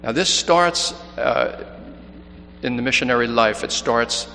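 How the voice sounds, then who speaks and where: In a mid-range voice with a sharp tone, moving a little slowly, a New York City missionary priest reads the Gospel and follows it with a heartfelt mission appeal homily full of restarts. He's in a large church, and the audio carries long reverb plus a faint hum.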